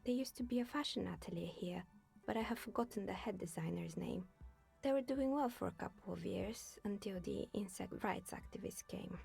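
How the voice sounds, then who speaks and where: A gravelly, wry old gossip. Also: female voice, medium pitch, moderate pace, a little mellow, faint music behind, heavily acted. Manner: dry, wry storytelling. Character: chatty older woman telling local gossip. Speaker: game character. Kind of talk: voiced video game dialogue.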